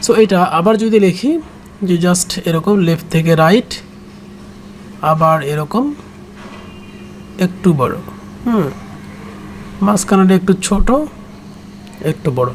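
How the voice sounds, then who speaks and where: A Japanese language teacher giving a kanji writing lesson, talking slowly and repeating each word with frequent hesitant pauses. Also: medium pitch, a little mellow, slight background noise.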